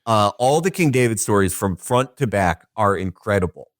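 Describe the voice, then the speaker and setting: A man spins profane stories on a podcast, his pitch swooping up and down. The sound is dry and close to the mic. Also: moderate pace, no echo. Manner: animated, profane storytelling. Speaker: podcast co-host. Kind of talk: casual chat.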